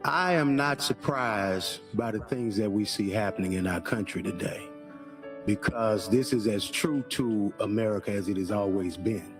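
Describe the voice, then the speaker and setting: A man in his forties giving a forceful public speech, declaring and repeating key lines. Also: on the low side, normal speed, over music. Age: 40s. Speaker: speaker in a played clip.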